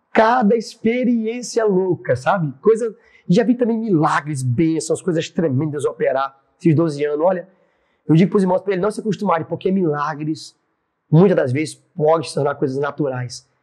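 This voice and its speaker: A man who is a pastor, telling a lively testimony story in a faith podcast interview, with a Brazilian Portuguese accent. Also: a little high. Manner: lively storyteller acting out quoted voices. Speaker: pastor and church president, podcast guest.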